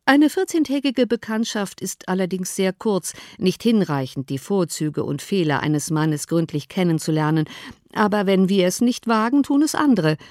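A woman voicing an ironic, unhurried older father in an audiobook, speaking in a measured, teasing way. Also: mid-range voice, animated, a little mellow, no echo, clean studio sound, close to an everyday voice. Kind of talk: audiobook character voice.

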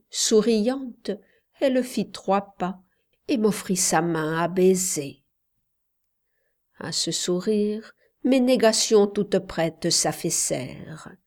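A woman reading a literary novel aloud in a measured, intimate way that sometimes drops to a breathy near-whisper. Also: mid-range voice, darkish tone. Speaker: audiobook reader. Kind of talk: literary audiobook narration.

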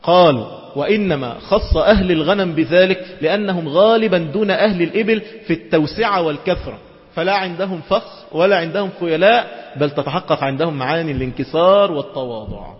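A man with an Egyptian accent giving an Islamic lecture, switching between classical quotations and quick colloquial asides. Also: fairly high pitch. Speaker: preacher. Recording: dull lo-fi recording in a reverberant hall.

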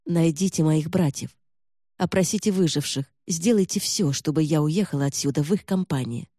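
A defiant young noblewoman from a fantasy audiobook, as read by a man, firing sharp, accusing questions at an old ally. The voice is dark and mellow, recorded close and dry with no room sound. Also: on the high side, moderate pace, dry recording, close to an everyday voice.

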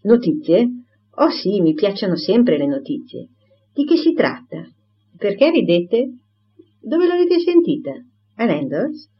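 A woman voicing a lively, curious young gentlewoman. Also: mid-range voice, unhurried, breathy edge, lo-fi sound, pitched above the performer's own voice, exaggerated voice.

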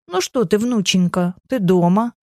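A woman's voice: medium pitch, expressive, normal speed, mellow, dry recording, clean studio sound, lightly acted. A woman voicing a hunched, sly old crone who fawns and laments in a quavering voice, full of sugary endearments. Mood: cooing.

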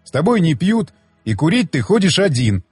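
A man's voice: a little high, sing-song, normal speed, a little mellow, breathy edge, no room sound, faint music behind. A male audiobook reader voicing a blunt, mocking male companion who lectures like a patient mentor. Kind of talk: audiobook dialogue reading.

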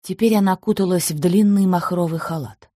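Husky woman narrating a crime novel. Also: on the low side, a little fast, warm tone, no echo, clean studio sound. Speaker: audiobook narrator. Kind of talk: scripted narration.

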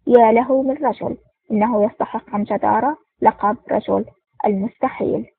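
A woman's voice: on the high side, steady tone, fast talker, creaky, slightly rough, no room sound. A woman voicing a friendly, admiring male equipment officer in an audiobook. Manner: warmly admiring. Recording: tinny phone-like sound.

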